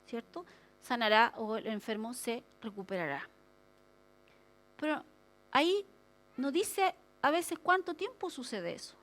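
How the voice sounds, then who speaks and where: A woman pastor preaching a lively sermon, acting out prayers and complaints with humorous asides. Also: high voice.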